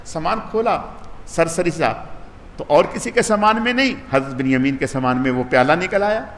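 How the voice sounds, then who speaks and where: Lively storytelling man in an echoing hall. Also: on the high side. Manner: storytelling with voiced dialogue, rising and falling emphasis. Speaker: religious scholar. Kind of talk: Quran commentary sermon. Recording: hall with long reverb, faint noise.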